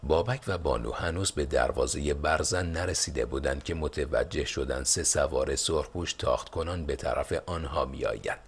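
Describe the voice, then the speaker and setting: A man narrating a historical novel as an audiobook in a measured storytelling manner. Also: rumbling low, breathy edge. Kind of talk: scripted narration.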